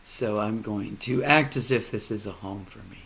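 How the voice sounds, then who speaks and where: A man speaking a personal monologue, halting and emotional, often dropping to a near whisper. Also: on the low side, gravelly, a bit bright, a little hiss or hum. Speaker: vlogger.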